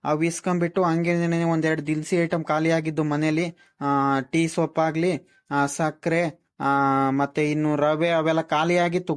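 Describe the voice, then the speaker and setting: A woman's voice: deep voice, close to an everyday voice. A woman voicing a practical young daughter-in-law in a village cartoon, with a matter-of-fact manner. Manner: matter-of-fact, listing, drawn-out fillers. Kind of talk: cartoon voice acting.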